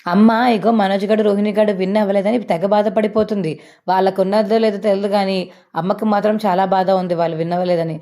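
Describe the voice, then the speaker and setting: A woman's voice: mid-range voice, steady tone, fast, warm tone, lightly acted. A woman voicing a blunt young husband who mocks his mother. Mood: mocking. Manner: mocking, blunt.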